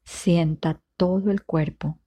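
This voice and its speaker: A woman instructor leads a guided meditation in a low, relaxed voice. She speaks very slowly and in a measured way, leaving long pauses between short instructions. The delivery stays calm and soothing.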